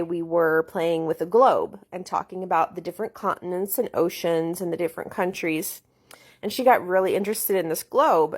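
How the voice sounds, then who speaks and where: A homeschooling mother calmly telling a story about her youngest child. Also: fairly low pitch. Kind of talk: casual storytelling to camera.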